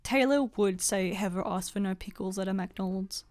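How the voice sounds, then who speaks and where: A young woman with a mid-pitched voice delivers scripted commentary casually at normal speed, with loud music playing behind her. She's an artist and video creator, chatty, informal and a bit self-deprecating as she presents her own work like an online artist would.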